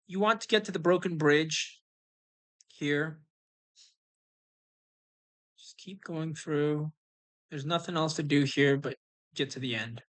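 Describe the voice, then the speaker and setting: Narrating a live game walkthrough, this streamer casually explains each move as it unfolds. The voice has medium pitch and is a bit bright, with a slow pace and frequent pauses.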